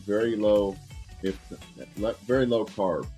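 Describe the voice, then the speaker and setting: A man co-hosting a casual podcast, steady and reflective as he shares advice. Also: on the low side, a little slow, soft background music, low-quality recording. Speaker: co-host.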